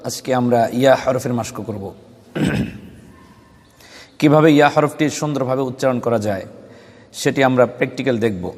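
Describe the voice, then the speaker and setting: A man teaching Quran letter pronunciation, explaining carefully and chanting syllable drills in a slow, sung tone. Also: mid-range voice, darkish tone.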